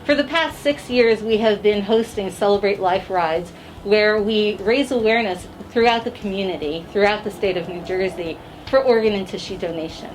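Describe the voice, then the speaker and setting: A woman's voice: mid-range voice, moderate pace, few pauses. Earnest woman giving an award speech outside, noisy recording. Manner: earnest, heartfelt. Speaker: award recipient. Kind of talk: emotional acceptance speech.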